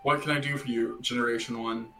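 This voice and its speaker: A man voicing a smooth, manipulative middle-aged father who talks in a formal, coaxing and dismissive way. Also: mid-range voice, fairly even intonation, quick pace, pushed and bright, faint music behind.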